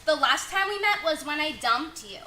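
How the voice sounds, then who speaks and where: A woman's voice: high voice, animated, moderate pace, a crowd in the background. A woman playing a vain, dramatic young sorceress who is an ex-fiancée, whining and pleading over the top in an amateur comedy skit. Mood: whiny pleading. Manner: valley-girl whiny pleading, over the top. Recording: roomy echo, faint noise.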